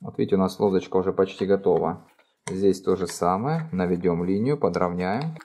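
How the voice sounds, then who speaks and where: Calm low-voiced man teaching origami. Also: a little fast, slight background noise. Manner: calm, plain, explaining each fold. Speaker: origami instructor. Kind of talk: step-by-step craft tutorial. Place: indoors at a wooden table. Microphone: overhead camera framing hands only.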